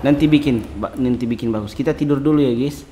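A chatty man in a mid-range voice runs easygoing game commentary while sharing the session with his young child. He turns between the viewers and the kid and tosses off playful mock apologies. A steady hum of noise sits under the recording. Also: mid-range voice, fast. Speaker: gaming video host. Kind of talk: casual let's-play commentary, playing with his child.

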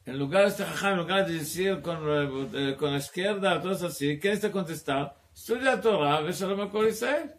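Gravelly high-voiced rabbi teaching Talmud. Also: male voice, lively intonation. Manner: halting, searches for words, mixes in Hebrew terms. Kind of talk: Torah class.

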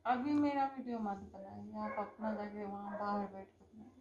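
A woman's voice: mid-range voice, moderate pace. A young woman at home at night gives short, sulky replies, caught from a distance by a phone camera. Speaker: vlogger's wife. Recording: echoey room, off-mic with loud noise.

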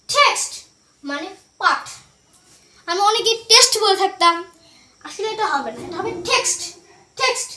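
A woman teaching English pronunciation, spelling out words letter by letter and repeating them slowly. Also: very high-pitched, pushed and bright, echoey room.

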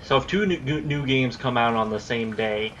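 A young man in his late teens, a gaming YouTuber, chats casually about his recording plans over gameplay and swears when things go wrong. His voice sits at medium pitch and is a bit bright, moving at normal speed. The audio is dull, with slight background noise.

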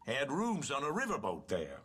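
An actor playing a matter-of-fact saloon bartender in a video game. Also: male voice, medium pitch, wildly swooping pitch, moderate pace, fairly bright tone, breathy edge, heavily acted. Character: gruff male saloon bartender.

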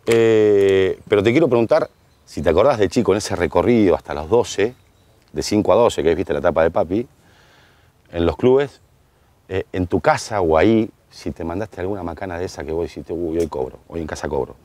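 Man, Rioplatense accent, show host, jokey, low voice, fast talker. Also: animated, a little mellow. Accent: Rioplatense Spanish. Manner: jokey, chummy, quick questions. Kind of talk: casual interview chat. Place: outdoor garden bar.

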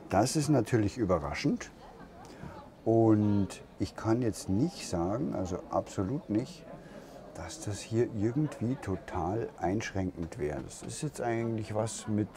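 Male vlogger, low voice, unhurried room-tour delivery, busy fair crowd behind. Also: animated. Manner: slow, thinking aloud with fillers and pauses. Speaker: camper van reviewer. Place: camper van at a busy trade fair hall. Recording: crowd noise of a trade fair. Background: crowd chatter of a fair.

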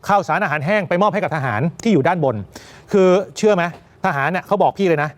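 A male news anchor giving emphatic, animated commentary. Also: high-pitched, fast talker.

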